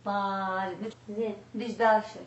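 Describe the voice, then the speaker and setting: A woman's voice: medium pitch, flat delivery, measured pace, highs cut off. A middle-aged Iraqi mother with an Iraqi Arabic accent, playfully quizzing her daughter in casual chat. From Iraq. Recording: echoey room, distant mic, faint noise.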